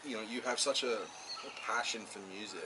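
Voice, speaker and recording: A man hosting a relaxed conversation, rambling and chatty with lots of fillers. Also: lowish voice, a little fast. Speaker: host. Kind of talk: casual conversation. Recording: noticeable background noise.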